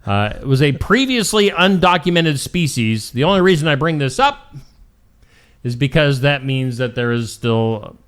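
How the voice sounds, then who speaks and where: A man's voice: mid-range voice, expressive, moderate pace, a bit bright, clean tone. A man hosting a morning show, reading out weird news stories in a jokey, casual way. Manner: jokey, reads stories aloud and laughs at them.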